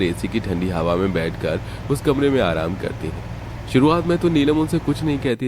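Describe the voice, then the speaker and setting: A man narrating a cartoon story in a steady, matter-of-fact way. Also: low voice, slight background noise.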